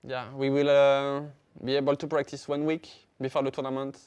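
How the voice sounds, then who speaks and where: A man with a French accent gives halting, filler-laden answers in English, his second language. His voice is smooth and clear, at an ordinary pitch for a man. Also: monotone, darkish tone, highs cut off. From France. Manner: halting, many fillers and restarts. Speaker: esports team captain guest. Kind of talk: casual interview answers.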